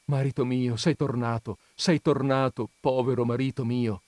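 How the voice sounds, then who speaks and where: A man's voice: mid-range voice, fairly even intonation, moderate pace, darkish tone, no echo, lightly acted. A man putting on a sobbing peasant wife. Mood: tearful. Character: tearful peasant wife, emotional.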